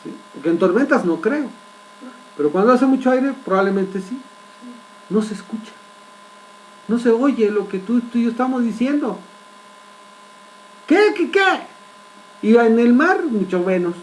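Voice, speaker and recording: A man. He retells the story with vivid, dramatic pauses and keeps checking in with his listeners through rhetorical questions. A faint hum runs underneath. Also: extremely high pitch, expressive, rough recording. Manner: asks the congregation frequent rhetorical questions. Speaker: preacher. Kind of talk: sermon.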